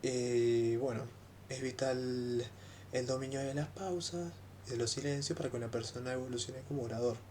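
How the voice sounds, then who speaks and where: A young man giving an informal, unhurried explanation of a book chapter, pausing often with fillers as a teacher-training student. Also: mid-range voice, steady tone, a little mellow, a little hiss or hum.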